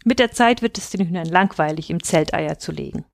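A woman voicing a sleepy, flustered old grandfather who tries to calm his wives. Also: lowish voice, fairly quick, gravelly, dry recording, clean studio sound. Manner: flustered, placating.

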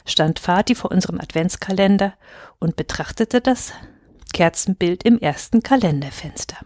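A woman reading a children's Christmas story aloud in a gentle, expressive storytelling manner. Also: mid-range voice, dry recording, clean studio sound. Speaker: reader.

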